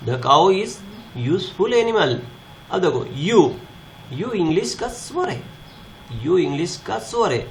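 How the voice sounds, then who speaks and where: A man runs a classroom grammar lesson, his voice set a little high. He poses questions and answers them himself, again and again. A soft hiss sits under the recording. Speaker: teacher.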